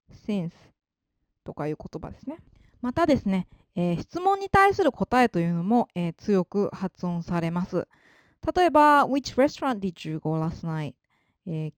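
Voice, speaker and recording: A woman giving a polite, explanatory spoken lesson on English, slowing down to read out example sentences. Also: mid-range voice, dry recording, clean studio sound. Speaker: English teacher.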